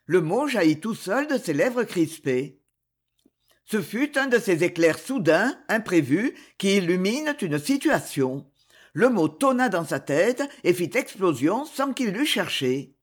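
An audiobook narrator reads a dramatic novel in an expressive storytelling manner. The pitch rises and falls a great deal, which keeps the reading animated. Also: a little slow, breathy edge.

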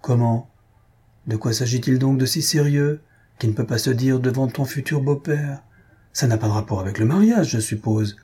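A man voicing an excitable, bossy old spinster aunt who scolds in shrill outbursts, in a storybook reading. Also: normal speed, breathy edge. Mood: puzzled.

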